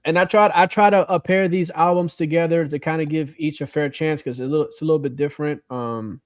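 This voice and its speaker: A man's voice: a little high, quick pace, no room sound, studio quality. Laid-back man hosting a livestream. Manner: relaxed, rambling, says "bro" and "man" often. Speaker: livestream host. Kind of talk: casual livestream chat.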